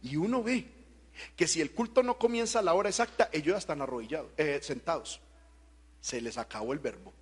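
A man preaching an impassioned evangelical sermon, shifting between loud shouted exhortation and quieter talk, driving points home with rhetorical questions. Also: fairly high pitch, a little fast, slightly rough.

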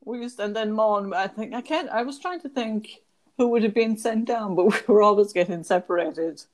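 A woman's voice: mid-range voice, moderate pace. A chatty woman with a west of Ireland accent from Kerry, reminiscing casually in an interview. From County Kerry, Ireland. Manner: chatty, frequently breaking into laughter.

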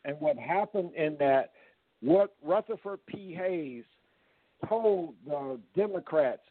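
A man's voice: fairly high pitch, lively intonation, slow, no echo. Man talking over a tinny phone line. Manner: rambling, with frequent restarts. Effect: heard over a phone call. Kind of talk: casual history talk.

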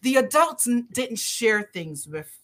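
In a conversational podcast interview, a middle-aged Barbadian woman who works as a doctor speaks at a measured pace. Her fairly high voice is very animated and a bit bright, and her delivery is earnest and emphatic, with key phrases said more than once.

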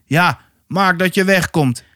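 A man's voice: sits high, normal speed, no echo, clean studio sound, pitched above the performer's own voice. A man voicing a scornful thin café owner. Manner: scornful, shouting back. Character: thin tired male café owner, quarrelsome.

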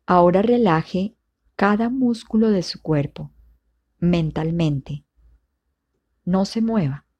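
A woman leading a guided meditation as instructor, giving calm, soothing, measured instructions with long pauses. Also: on the low side, dull audio.

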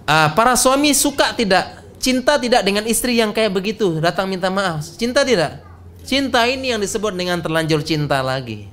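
A man's voice: sits high, brisk. A man preaching a conversational sermon at a gathering, joking and quizzing his listeners with questions. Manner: lively, quizzes the audience with questions. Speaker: Islamic preacher.

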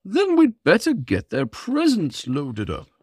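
A man voicing a jolly, booming old Santa Claus in a bedtime story. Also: huge pitch swings, unhurried, slightly rough, dry recording, exaggerated voice. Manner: booming, hearty.

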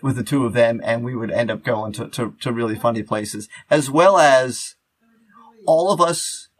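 On a low-quality recording, a man with a mid-range, fairly bright voice co-hosts a podcast. His talk is loose and unscripted, rambling and halting as he repeats words and keeps restarting his phrases.

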